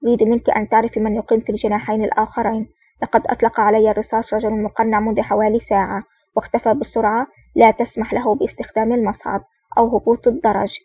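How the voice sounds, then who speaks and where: A woman reading the lines of a stern, terse male secret agent in a curt, commanding manner, in a fast, flat reading voice. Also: a little high, breathy edge, no echo. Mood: serious. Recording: dull, distant, dry recording.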